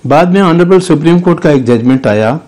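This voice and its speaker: A man's voice: on the high side, lively intonation, a little fast, a little mellow. An older man with a Pakistani Urdu accent, a lawyer guest arguing legal points in a studio news interview. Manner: argumentative, legalistic, with restarts.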